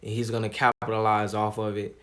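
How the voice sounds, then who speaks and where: A man streaming live, talking casually in a calm, laid-back way with plenty of slang. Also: lowish voice, fairly quick. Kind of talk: casual livestream commentary.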